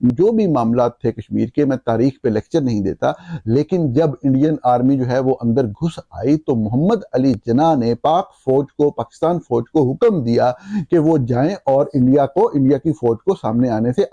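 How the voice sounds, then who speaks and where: A man's voice: mid-range voice, normal speed, mellow, dry recording. A man giving emphatic political commentary with rhetorical questions. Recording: dull, muffled, dry audio.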